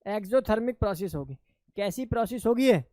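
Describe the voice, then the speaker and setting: A man's voice: high-pitched, animated, a little fast, a little mellow, no room sound. A male chemistry teacher lecturing in a classroom. He keeps asking his students questions, answers them himself, and calls them "beta".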